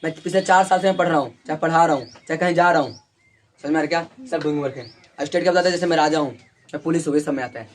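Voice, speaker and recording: A man's voice: fairly high pitch, rapid-fire. A man teaching an English lesson in a classroom, repeating key words and checking in with students constantly.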